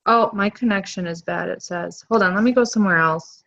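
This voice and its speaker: A woman's voice: mid-range voice, brisk, creaky, fairly bright tone, slight background noise. A chatty woman talking casually on a video call as her connection keeps cutting out. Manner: chatty, rambling with fillers. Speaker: new distributor sharing her story. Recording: muffled lo-fi video call audio.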